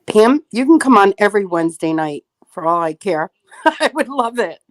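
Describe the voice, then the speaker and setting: Gushing woman chatting slowly, dry sound. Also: mid-range voice, sing-song, dry recording. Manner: effusive, gushing, emotional. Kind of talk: casual livestream chat.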